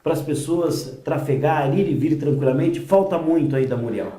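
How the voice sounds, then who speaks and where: A man's voice: a little high, normal speed, dark tone. A man interviewing a guest in a conversational way, asking leading questions. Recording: roomy echo.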